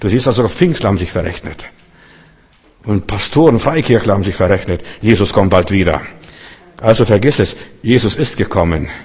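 A man's voice: on the low side, animated, brisk, darkish tone, slightly rough. Man preaching in a reverberant hall. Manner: conversational preaching with restarts and stammered repeats. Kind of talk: sermon.

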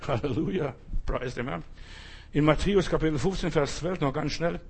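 A man's voice: a little high, moderate pace, darkish tone, slightly rough. A man preaching a sermon at a church service, emphatic and speaking straight to his listeners. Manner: emphatic, addresses listeners directly.

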